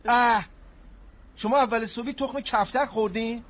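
A man's voice: very high voice, fairly even intonation, fairly bright tone, a little hiss or hum. A man in his forties playing a reluctant groom-to-be in a comedy sketch, irritable and exasperated. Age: 40s.

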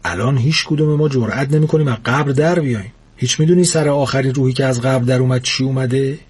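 A man's voice: mid-range voice, a little mellow, breathy edge, lightly acted. A man doing a bossy, lecturing thin ghost. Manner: scolding, lecturing.

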